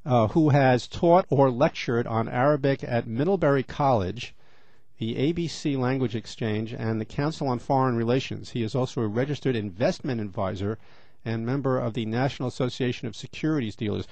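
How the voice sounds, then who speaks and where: A man's voice: medium pitch, brisk, a little mellow, no room sound. A middle-aged man hosting a radio interview, chatty and rambling with many fillers. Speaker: radio host.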